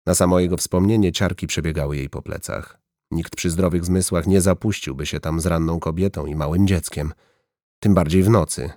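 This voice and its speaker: A man narrating an audiobook in a measured, even reading voice. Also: sits low, dry recording, studio quality. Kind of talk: scripted narration.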